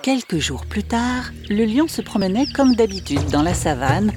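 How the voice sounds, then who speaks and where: A woman narrating a fable in an expressive, measured storytelling voice. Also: mid-range voice. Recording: music bed under the voice.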